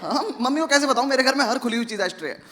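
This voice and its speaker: An Indian stand-up comedian talks fast in a high, expressive voice, delivering sardonic, conversational stories punctuated by sudden loud outbursts and working the crowd. The noisy live recording captures a comedy venue with a loud, laughing audience.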